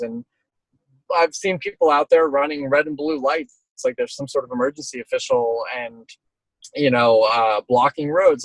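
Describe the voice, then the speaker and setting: A man's voice: mid-range voice, no echo, low-quality recording. Earnest middle-aged man chatting, dry close sound. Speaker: storm chaser and photographer being interviewed. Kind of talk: casual conversational interview.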